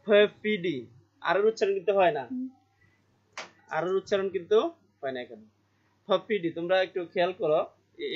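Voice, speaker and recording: A male teacher in a vocabulary lesson, reading English definitions slowly and explaining them more quickly, often checking in with his students. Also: fairly high pitch, a bit bright. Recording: dull lo-fi recording.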